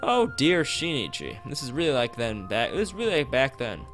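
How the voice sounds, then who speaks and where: His voice is mid-range and a bit bright, swinging hugely in pitch at a normal speed. Streaming a visual novel, he reads the text aloud with casual side remarks, frequently stumbling and repeating phrases while background music plays.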